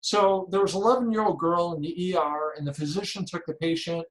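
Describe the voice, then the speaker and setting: A man's voice: high voice, fairly even intonation, brisk, low-quality recording. Earnest American man giving an inspiring talk. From Chicago area, United States. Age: 40s. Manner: earnest, emphatic storytelling. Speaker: conference speaker.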